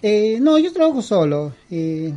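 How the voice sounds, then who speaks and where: A man's voice: sits high, very animated, a little slow, mellow, faint music behind. A middle-aged man from Peru with a Peruvian Spanish accent, a guest chatting in a casual interview, rambling with many fillers and restarts. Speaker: guest, costume and prop maker.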